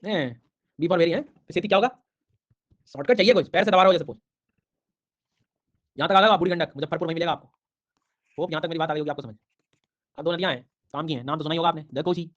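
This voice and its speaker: Rapid-fire man drilling a live class. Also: on the high side, a bit bright, muffled recording. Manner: rapid drilling repetition, teasing students. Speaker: online exam-prep teacher. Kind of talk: live online geography class.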